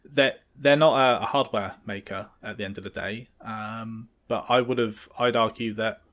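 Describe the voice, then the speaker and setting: A man co-hosting a gaming podcast in casual chat, giving measured opinions mixed with cocky joking banter. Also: fairly low pitch, fairly even intonation, a bit bright. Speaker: podcast co-host.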